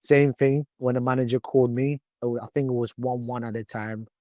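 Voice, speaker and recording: Here the same sort of guest appears: a Twi-speaking footballer in his thirties, English-born and Ghana-raised, chatting loosely in a casual interview, restarting often and saying "you know" a lot. His mid-range voice is mellow and fairly quick with fairly even intonation, recorded without echo and with the highs cut off.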